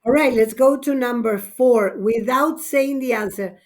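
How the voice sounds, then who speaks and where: Teacher, female, fairly high voice, slow and patient, explains grammar step by step. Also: a little mellow. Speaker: English teacher. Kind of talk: online class teaching, mixing Spanish and English.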